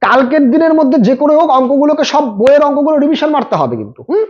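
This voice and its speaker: A man's voice: extremely high pitch, expressive, muffled recording. A male maths tutor giving last-minute exam tips, talking directly to students and repeating his points. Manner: rapid, repetitive, coaching students directly.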